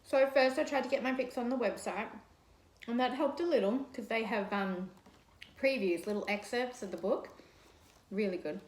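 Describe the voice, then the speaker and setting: A woman in her thirties, a mukbang vlogger, gushes casually to the camera at a moderate pace while eating and chewing in her living room. Her pitch is fairly high. The audio comes from a camera placed across a coffee table and carries a roomy echo.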